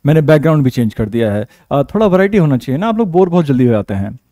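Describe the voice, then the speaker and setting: A man's voice: a little high, very animated, very fast, dark tone, dry recording. A man with an Indian English accent, teaching vocabulary in a casual online lesson, chatty and joking, calling his students 'beta'.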